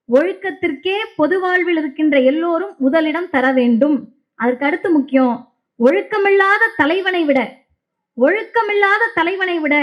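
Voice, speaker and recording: A woman's voice: very high-pitched, fairly bright tone, rough recording. A woman giving an impassioned, emphatic stage speech to a crowd, repeating key lines. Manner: impassioned, emphatic oratory with repetitions. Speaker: public speaker.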